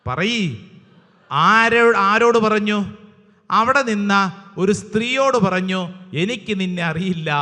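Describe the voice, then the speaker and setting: High-voiced preacher in an echoing hall. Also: male voice. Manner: call-and-response, urging the crowd to shout hallelujah; retells Bible passages and stories with dramatic repetition. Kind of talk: sermon. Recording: long reverb of a large hall.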